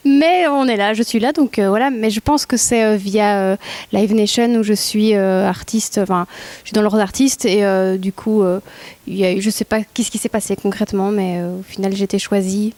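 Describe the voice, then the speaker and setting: Belgian woman singer, ordinary pitch, giggly and unsure, filler-heavy. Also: normal speed, a little mellow, dry recording. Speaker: singer guest. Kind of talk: casual interview answers.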